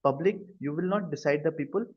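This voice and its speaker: A man's voice: on the high side, fast, a little mellow, husky. A man with an Indian accent teaching a live online class, often checking understanding with short questions over a video call. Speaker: cloud computing instructor. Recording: dull, lo-fi video-call audio.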